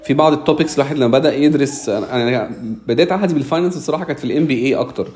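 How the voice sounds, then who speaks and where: Fast-talking Egyptian man hosting a discussion. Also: medium pitch, darkish tone, a little hiss or hum. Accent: Egyptian Arabic. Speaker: host of a live audio discussion. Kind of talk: casual moderated discussion, mixing in English business terms.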